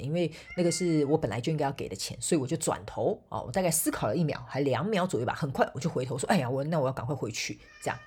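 A woman's voice: low voice, a little mellow, breathy edge. A woman from Taiwan with a Taiwanese Mandarin accent, hosting a solo podcast and telling a story in a chatty way, laughing often and groping for words. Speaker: podcast host and motivational speaker.

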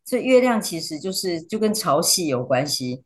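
A woman teacher, a podcast guest, chatting casually and telling animated stories. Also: fairly low pitch, moderate pace. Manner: animated storyteller, acts out quotes.

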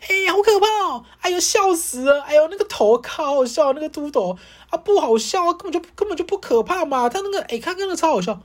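A woman mimicking loud, giggling female college students at a horror film, in a shrill, exaggerated voice. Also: animated, quick pace. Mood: mocking shrill.

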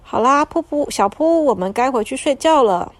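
A woman's voice: sits high, animated, moderate pace, no echo. A woman voicing a sweet, curious little girl in a bedtime story, with a childlike sing-song manner.

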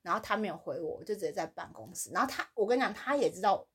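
A woman's voice: rapid-fire, husky. A woman co-hosting a podcast, telling a workplace story in casual chat and acting out the other people's lines with big swings in her voice. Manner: animated, acts out quoted voices with big pitch swings. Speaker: podcast co-host.

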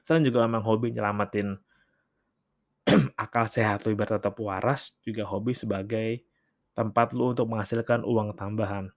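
A man's voice: fairly low pitch, fairly even intonation, normal speed, pauses often, no room sound, clean studio sound. A man hosting a casual solo podcast, talking in loose slang and acting out short everyday dialogues. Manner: casual slangy Jakarta talk, acts out little dialogues. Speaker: podcast host.

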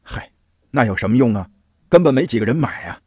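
A man's voice: medium pitch, sing-song, fast, slightly rough, dry recording. Brief: exasperated, downhearted vendor, read by a male storyteller; dry close sound. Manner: weary, exasperated. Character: discouraged struggling roast-goose seller man.

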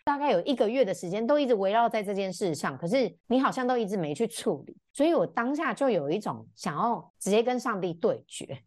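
A woman's voice: brisk, few pauses. Woman, 30s, chatty guest telling her story, voice jumps all over when she acts out what people said. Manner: animated, acts out quoted dialogue in varied pitch. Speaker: podcast guest, brand founder. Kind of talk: casual storytelling chat.

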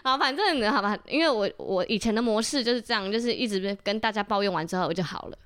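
A young woman co-hosting a relaxed podcast, speaking Mandarin with a Taiwanese accent. She talks at a middle pitch and tells her story in a lively way, acting out what people said. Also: quick pace, smooth, no echo, studio quality. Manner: lively storytelling, acts out quoted lines. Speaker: podcast co-host. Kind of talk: casual chat.

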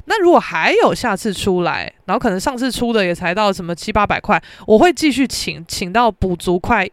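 A young woman with a Taiwanese Mandarin accent, hosting a podcast and telling a story in an animated, exasperated way. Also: medium pitch, brisk, dry recording. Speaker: podcast host. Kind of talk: casual storytelling.

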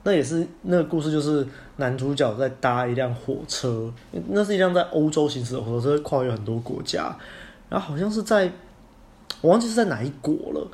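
A man's voice: on the high side, animated, darkish tone. A man with a Taiwanese Mandarin accent, co-hosting a podcast and telling stories in a casual chat, swearing now and then. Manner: fast storytelling, swears casually. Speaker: podcast co-host.

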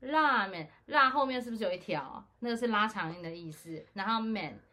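A woman's voice: medium pitch, animated, fairly quick, bright, forceful tone. A woman co-hosting a casual chat podcast, teasing and laughing often as she teaches words. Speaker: podcast co-host.

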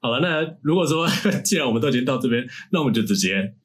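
A man's voice: medium pitch, animated, quick pace, slightly rough. A man hosting a casual podcast as an English teacher, laughing often and slipping English words into his talk.

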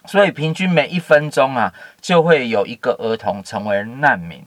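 A man's voice: mid-range voice, moderate pace, dry recording. A man giving a casual Bible teaching, reading scripture and adding chatty asides with many fillers. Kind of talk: casual Bible story commentary.

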